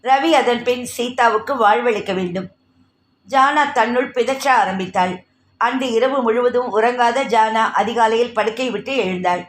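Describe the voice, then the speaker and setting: Woman narrator, fairly high voice, storybook reading, echoey room. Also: moderate pace. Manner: reads characters' dialogue in her own voice. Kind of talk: scripted novel narration.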